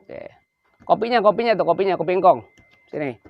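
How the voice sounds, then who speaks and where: A man's voice: sits high, lively intonation, fairly quick, creaky, lo-fi sound. An older man, hosting a casual cooking vlog and playfully coaxing his grandchild as he talks. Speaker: vlog host.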